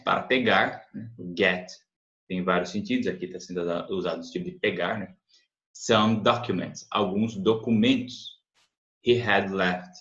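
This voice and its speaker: A Brazilian man, a Portuguese speaker, teaching an English lesson. He translates phrase by phrase, repeats words slowly to show pronunciation and keeps adding short tag questions. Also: on the low side, a bit bright. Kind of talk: language lesson, translating and explaining. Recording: echoey, dull lo-fi room recording.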